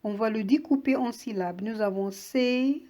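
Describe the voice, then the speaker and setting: A woman teaching young children a reading lesson, saying each word slowly and clearly and patiently breaking it into syllables. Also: medium pitch, dark tone. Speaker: primary school teacher. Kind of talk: slow classroom lesson read-aloud.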